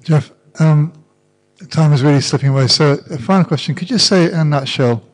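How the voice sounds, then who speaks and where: A man's voice: a little high, brisk, in a large hall. A man moderating a talk, politely and briefly prompting the speaker for a final question.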